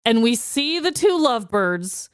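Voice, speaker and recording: Her voice is fairly high and sing-song, measured in pace, clear and resonant, recorded studio quality without echo. As a podcast co-host telling funny stories casually, she turns dramatic and emphatic, repeating words for effect and checking in with "okay?".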